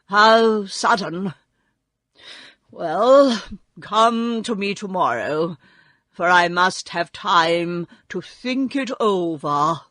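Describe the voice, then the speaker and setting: A woman's voice: medium pitch, extremely slow, a bit bright, no room sound, studio quality. A woman voicing a meek, pleading little old man with a trembling voice, a humbug wizard in a storybook. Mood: evasive, uneasy. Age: older.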